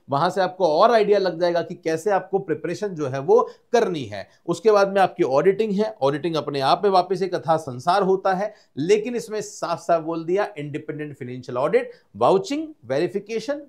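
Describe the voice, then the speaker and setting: A man with a fairly high-pitched voice teaches an online exam-prep lesson. He moves through the syllabus topic by topic in an explanatory tone, often pausing to check that students are following. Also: darkish tone. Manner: explanatory, lists topics, frequent "है ना" check-ins.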